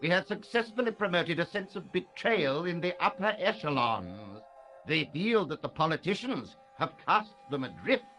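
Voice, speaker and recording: An actor playing a military conspirator in a video game, giving a clipped, formal briefing. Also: male voice, on the high side, big pitch swings, moderate pace, sharp tone, faint music behind, heavily acted.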